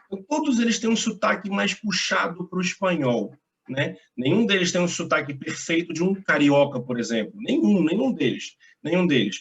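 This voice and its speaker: Chatty Brazilian man teaching, higher voice. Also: very animated, moderate pace, a bit bright, dull audio. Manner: chatty, reassuring, uses slang and tag questions. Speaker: English teacher. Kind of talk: casual video lesson.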